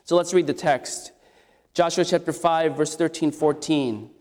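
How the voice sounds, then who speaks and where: Long hall reverb colors this expository sermon from a man whose scratchy voice is on the high side, darkish in tone and unhurried. He talks conversationally and poses questions to his listeners.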